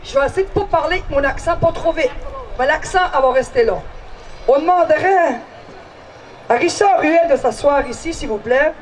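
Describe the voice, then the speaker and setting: A woman's voice: high voice, normal speed, slight background noise, rough recording. A woman with a Quebec French accent co-hosting from an outdoor festival stage, playful and teasing. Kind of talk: lively stage emceeing. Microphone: handheld stage microphone.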